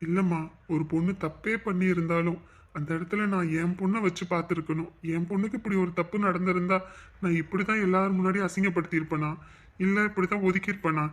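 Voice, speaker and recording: A man's voice: sits high, fairly even intonation. A man playing an educated, remorseful middle-aged father who speaks earnestly. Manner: earnest, measured pleading. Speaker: father-in-law in a family drama. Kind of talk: web drama acting.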